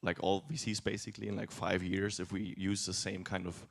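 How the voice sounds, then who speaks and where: A man from the audience asks a question in a fairly low voice. He is polite and direct. He speaks as an ordinary conference attendee. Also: level tone, brisk, vocal fry. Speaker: audience member asking a question.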